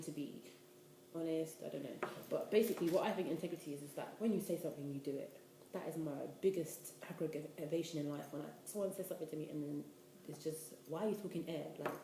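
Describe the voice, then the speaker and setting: A woman's voice: low voice, warm tone, slight background noise. Chatty twenty-year-old woman. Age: 20s. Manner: chatty, rambling, lots of "like". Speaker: vlogger. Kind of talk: casual talking-head vlog. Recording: echoey room.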